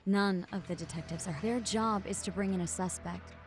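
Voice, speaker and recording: An actress playing a businesslike informant explaining a case in a game dub. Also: female voice, medium pitch, steady tone, moderate pace, soft background music, lightly acted. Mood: matter-of-fact.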